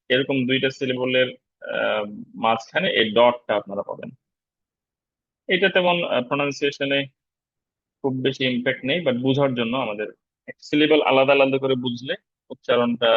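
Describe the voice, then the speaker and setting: Male teacher, online class, explanatory and unhurried, dull dry sound. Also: mid-range voice, dry recording. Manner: relaxed, explanatory, frequent fillers. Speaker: English teacher. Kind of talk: online lecture on pronunciation. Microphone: video call.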